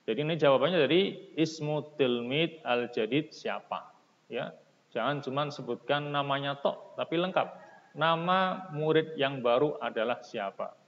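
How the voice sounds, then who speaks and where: Patient male teacher in a reverberant room. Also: medium pitch. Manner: reads each phrase, then explains it slowly and patiently; raises his voice to announce each numbered point. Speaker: school teacher. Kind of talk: recorded distance-learning lesson. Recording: dull, lo-fi sound with long reverb.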